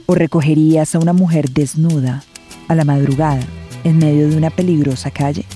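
A woman's voice: low voice, steady tone, a little fast, warm tone, faint music behind. A woman reading a scripted podcast promo as announcer.

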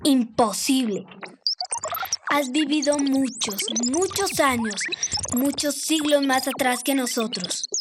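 A woman's voice: high voice, slow. A woman voicing a knowing female alien guide who explains patiently and with assurance in a radio drama. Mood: patient, assured. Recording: noisy recording.

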